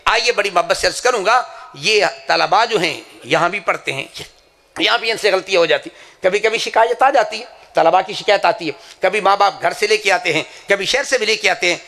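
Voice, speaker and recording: Male preacher, high and bright-toned, with a gravelly edge, impassioned storytelling sermon. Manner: impassioned, storytelling, swears sincerity. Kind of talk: religious sermon with anecdotes. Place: madrasa gathering.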